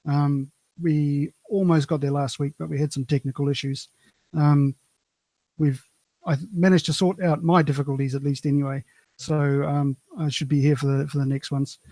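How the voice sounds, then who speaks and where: A man's voice: a little high, flat delivery, moderate pace, dark tone, dry recording. A man with a New Zealand accent, co-hosting a podcast and talking casually with hesitant "um"s. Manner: hesitant, apologetic, frequent "um" fillers. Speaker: podcast co-host.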